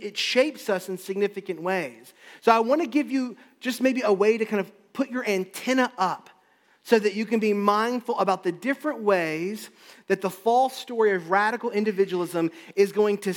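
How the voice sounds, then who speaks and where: A male pastor delivering a sermon in an emphatic, rhythmic cadence, hammering home his points through repetition. His voice sits fairly high for a man. The sound carries the long reverb of a large hall.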